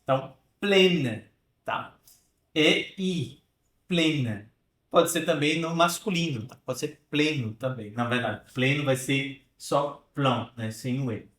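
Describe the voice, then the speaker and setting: A man with a medium-pitched, slightly bright voice gives an online pronunciation lesson in a roomy-sounding space. He teaches French pronunciation, explaining things and drilling sounds slowly while frequently checking in with "né?" and "tá?".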